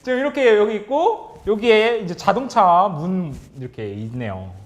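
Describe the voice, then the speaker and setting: A man leading a workshop for teachers as a trainer, upbeat and animated, calling on the audience, praising their answers and chuckling often. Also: high-pitched, normal speed. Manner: chuckles often between remarks. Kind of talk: online workshop quiz for teachers.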